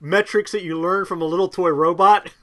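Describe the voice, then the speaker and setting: A man interviewing a guest, asking hesitant, halting questions. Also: high-pitched, fairly even intonation.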